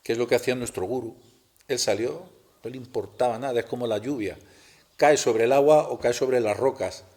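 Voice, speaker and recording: A middle-aged man telling a personal story in a talk at a spiritual center, halting and restarting as he goes. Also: mid-range voice, a little mellow. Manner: halting, with many restarts and rhetorical tags.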